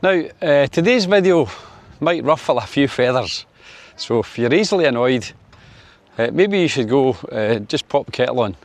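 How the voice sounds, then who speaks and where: Expressive and at normal speed, a man from Scotland in his sixties talks to camera in a casual opinion vlog, recorded dry. His manner is chatty, wry and full of fillers, with his pitch rising for sunny Spain.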